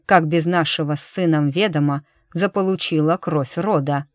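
A woman's voice: deep voice, moderate pace, dry recording, studio quality, close to an everyday voice. A woman voicing a stern, curt king in an audiobook. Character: stern middle-aged king, gruff and commanding.

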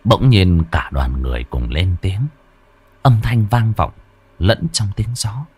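A man narrating a ghost story in an expressive, suspenseful way. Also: deep voice, slow pace, slightly rough.

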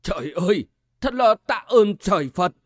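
A man's voice: high-pitched, expressive, no room sound, studio quality. Man doing a shaky old gatekeeper. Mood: timid, hesitant. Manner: slow, quavering, hesitant with fillers. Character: old male servant gatekeeper, timid and shaky.

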